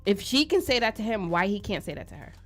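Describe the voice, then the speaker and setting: A woman in her thirties co-hosting a casual studio podcast, outspoken and joking, often breaking into loud laughs. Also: mid-range voice, big pitch swings, fast talker, soft background music. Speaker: podcast co-host. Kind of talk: casual chat. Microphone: studio microphone.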